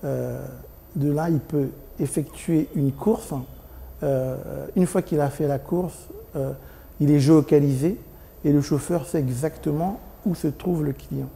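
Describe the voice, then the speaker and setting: A man's voice: fairly high pitch, a little slow, vocal fry, dark tone, slight background noise. A man in his forties from Congo, a company director answering interview questions hesitantly, with many ums and restarts. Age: 40s.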